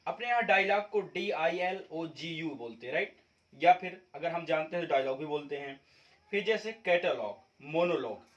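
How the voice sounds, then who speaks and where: Here a man from India, an English teacher, walks viewers through spelling differences one step at a time, repeating himself and checking in regularly in classroom fashion. He has a high voice, and the audio is poor.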